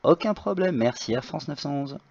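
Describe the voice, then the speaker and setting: A man working as an air traffic controller, giving clearances in radio phraseology with a hesitant, polite manner through a computer microphone. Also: expressive, moderate pace, a little mellow. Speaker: tower air traffic controller in online flight simulation. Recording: dull, muffled low-fidelity microphone.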